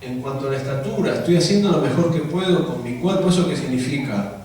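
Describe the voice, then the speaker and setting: A man's voice: a little high, lively intonation, quick pace. A man with a Rioplatense Spanish accent, preaching a conversational sermon to church leaders and asking the room many rhetorical questions. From Argentina. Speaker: pastor. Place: church hall. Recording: very echoey hall from far off, faint noise.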